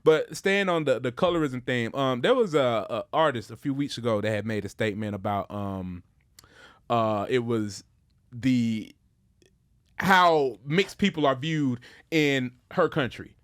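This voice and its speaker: A man's voice: mid-range voice, unhurried, a bit bright. A man hosting a casual podcast interview, loose and slangy with rambling restarts. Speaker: podcast host.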